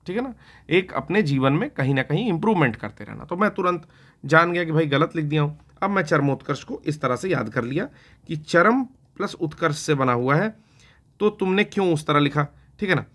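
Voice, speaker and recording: A man's voice: fairly high pitch, lively intonation, a little fast, fairly bright tone. A man teaches an exam-prep spelling lesson. He talks in an easy, conversational way, keeps checking in with his students and mutters to himself as he writes. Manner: conversational, repeats "theek hai na" often; talks to himself while writing on a board.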